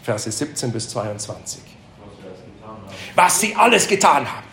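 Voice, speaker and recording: A man's voice: medium pitch, very animated, a little slow, fairly bright tone. A man teaching a Bible lesson to a live group, asking them questions and repeating their answers, with emphatic repetitions. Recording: echoey room.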